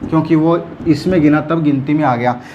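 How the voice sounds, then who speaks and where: Male teacher, somewhat high voice, patient and repetitive, keeps checking in with the class, faint hiss behind. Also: a little fast, lo-fi sound. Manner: explains patiently, keeps checking students follow. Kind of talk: whiteboard math lesson.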